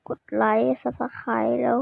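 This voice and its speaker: A woman's voice: fairly high pitch, flat delivery, drawn-out words, vocal fry, no room sound. A woman vlogging casually to her viewers, rambling and self-critical, often restarting her sentences, recorded on a phone. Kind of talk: casual vlog talk to viewers. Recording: tinny phone-like, dry sound.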